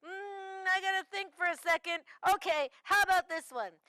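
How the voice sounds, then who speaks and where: A woman's voice: very high-pitched, normal speed, sharp tone, dry recording, pitched above the performer's own voice. A woman voicing a cheerful talking fir tree who tells corny jokes on a children's puppet show. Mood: eager. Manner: eager, giggly, corny jokester.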